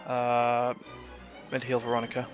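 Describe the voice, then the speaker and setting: A game streamer mutters to himself and reacts as he plays, with game music in the background. His medium-pitched voice is monotone and a little slow.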